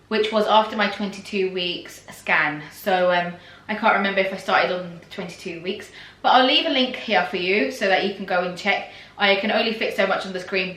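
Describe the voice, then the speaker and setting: A young woman talks casually to her viewers in a pregnancy vlog, rambling along with fillers and little laughs. Her voice is bright and clear. The room around her sounds echoey and bare. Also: mid-range voice. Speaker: pregnancy vlogger. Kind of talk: casual vlog chat to camera.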